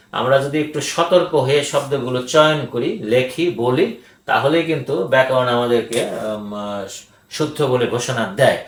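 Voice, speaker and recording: An older man giving a grammar lesson, speaking deliberately, repeating words for emphasis and pausing with hesitations. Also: mid-range voice. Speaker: grammar teacher. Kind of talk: grammar lecture. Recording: echoey room.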